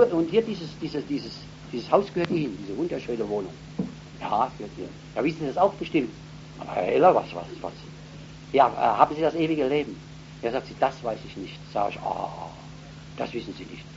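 Male revival preacher, live in front of a congregation: fervent, lively pitch, repeats phrases for force. Muffled old recording with light hum. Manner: fervent, bursting into loud emphatic peaks.

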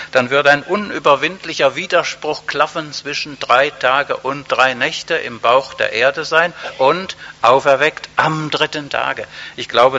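A man preaching an evening sermon, speaking emphatically, repeating key phrases and addressing the congregation directly. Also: mid-range voice. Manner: addresses audience directly and warmly. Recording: echoey hall, dull lo-fi sound.

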